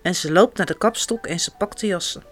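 A woman storyteller reading a children's book aloud in a lively storybook voice with big swings. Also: fairly low pitch, fairly quick, dry recording, faint music behind.

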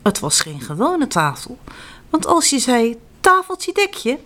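Woman storyteller for kids, expressive and lively, fairly high voice. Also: measured pace. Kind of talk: reading children's stories aloud.

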